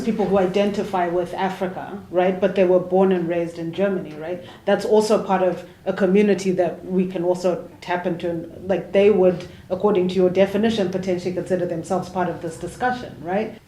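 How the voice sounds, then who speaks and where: A woman's voice: lowish voice, fairly even intonation, brisk, few pauses, warm tone. A woman taking part in a panel discussion, probing the point and ending phrases with tag questions. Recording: echoey room, faint noise.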